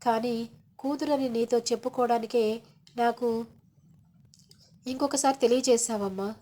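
A woman's voice: on the high side, steady tone, a little slow, mellow. A woman voicing a wounded, proud middle-aged father who speaks reproachfully and raises his voice in defiance.

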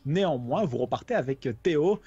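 A man from runs a tabletop game. His high voice swings widely as he narrates and improvises as game master. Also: animated, brisk, mellow, husky, no room sound, highs cut off.

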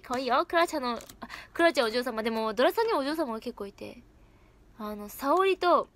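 Brief: young woman, high bright voice, giggly casual livestream chatter. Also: slight background noise. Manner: giggly, chatty, reacts to comments. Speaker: idol livestream host. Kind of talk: casual livestream chat reading comments.

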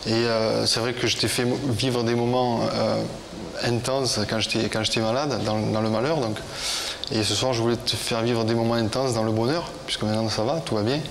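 A man in his thirties speaks with a Parisian French accent in a hesitant, heartfelt way. His pitch is medium, and some studio noise sits behind him. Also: steady tone, brisk. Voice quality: hesitant speech. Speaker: guest. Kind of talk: heartfelt unscripted talk. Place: television studio with audience.

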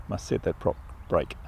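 Out in an open field, an older RC pilot reviews a model plane while flying it, chatting casually as he goes. His commentary is relaxed and enthusiastic, like he's thinking aloud, and there's a little background noise.

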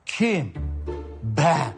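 A whining, wheedling husband. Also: male voice, a little high, big pitch swings, very slow, faint music behind, full character voice. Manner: wheedling, melodramatic complaining. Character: scheming lazy older brother Necati, man. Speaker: actor in a TV comedy series.

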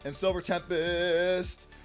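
Faint music plays behind a man in his thirties who hosts an excited card-opening video from a table in an indoor room. Losing his voice, he still greets viewers as "y'all" and stays upbeat, though his high-sitting voice comes out flat and slow.

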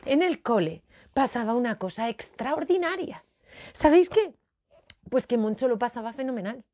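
Animated female children's storyteller, fairly high voice, playful. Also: normal speed.

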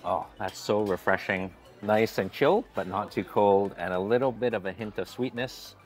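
Speaking at normal speed in a fairly low voice, a man in his forties narrates a casual, chatty food vlog while walking through a hotel buffet restaurant. His manner is upbeat, and he often greets the staff warmly.

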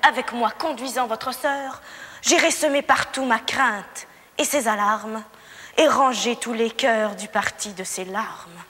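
A woman's voice: fairly high pitch, sharp tone. A young actress playing a schoolgirl who declaims classical verse as a vengeful empress, in a hammy, grand stage manner. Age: young adult. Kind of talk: classical verse tragedy acting. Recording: reverberant hall, faint noise.

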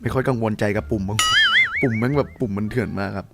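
A man giving chatty let's-play commentary, talking to his viewers and exclaiming loudly when things go wrong. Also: lowish voice, fast talker, loud music behind the voice. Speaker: gaming YouTuber.

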